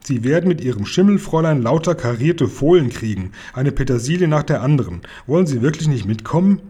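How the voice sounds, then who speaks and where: A man voicing a grumpy, witty middle-aged uncle in a storybook, gruff and blustering. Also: mid-range voice, animated, fairly quick, mellow.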